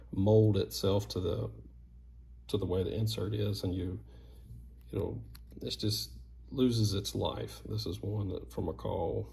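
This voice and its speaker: A man's voice: on the low side, creaky, darkish tone, slight background noise. A man giving casual, plain-spoken how-to instructions step by step, as a craftsman sharing repair tips. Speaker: duck call maker giving repair tips.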